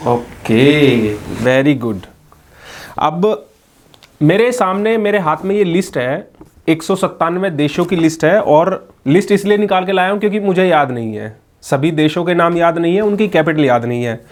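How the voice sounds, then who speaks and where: This local news reporter has a slightly high voice with lively intonation and an unhurried pace. Interviewing a family, he questions the kids and speaks with their mom, marvelling aloud.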